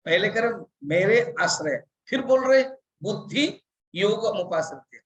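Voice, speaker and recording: A bewildered devotee , put on by a monk giving a discourse, firing off quick, complaining questions at God. The lines come in short bursts of confusion, spoken in the teacher's own plain voice. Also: male voice, sits high, expressive, poor audio. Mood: puzzled.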